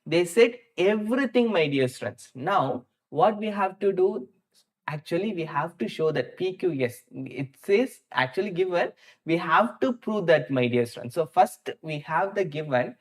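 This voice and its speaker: His voice is high-pitched and expressive, at normal speed, as this Indian-accented maths teacher leads a live online class. He thinks out loud through problems step by step, talks straight to students, and often repeats words for emphasis.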